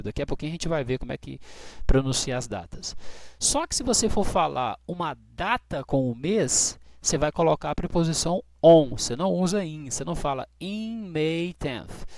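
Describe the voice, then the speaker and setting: A man teaching English dates, who explains patiently and slows right down to model each English phrase. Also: a little high, a little mellow, no echo. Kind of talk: classroom explanation.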